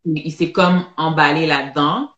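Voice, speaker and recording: A woman with a Quebec French accent, co-hosting and gently asking questions, summing up what the guest said. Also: sits low, steady tone, moderate pace. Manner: gentle, probing, sums up the guest's words. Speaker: co-host. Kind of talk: casual interview questions. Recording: echoey, dull online live audio.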